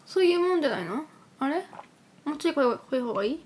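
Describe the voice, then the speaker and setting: A woman's voice: high voice, expressive, very fast, darkish tone, a little hiss or hum. A young woman, a university student, co-hosting a casual chat show with brief, laid-back replies. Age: young adult, university student. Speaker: co-host of a radio-style talk show.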